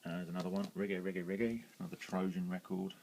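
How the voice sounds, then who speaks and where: A British record collector talks through his shelves in a casual vlog. His voice sits very low, and he rambles along with frequent ums and corrections. A faint hiss sits under the recording. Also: steady tone, fast talker, darkish tone, rough recording. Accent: British English. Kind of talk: casual show-and-tell vlog.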